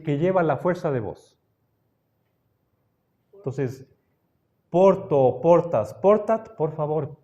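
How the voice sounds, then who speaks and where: A male teacher giving a Latin grammar lecture at an unhurried, careful pace, in a voice pitched somewhat high for a man. He repeats each form and keeps checking in with his students. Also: dark tone. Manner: slow and deliberate, repeats forms, keeps checking with the class. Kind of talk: classroom lecture.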